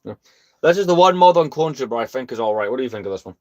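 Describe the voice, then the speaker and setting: A British man hosts a casual livestream and rambles along in a chatty way. His voice is calm and soothing, pitched at an ordinary middle height. He pokes fun at himself as he talks. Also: racing, faint music behind. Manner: rambling, chatty, self-deprecating. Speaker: host.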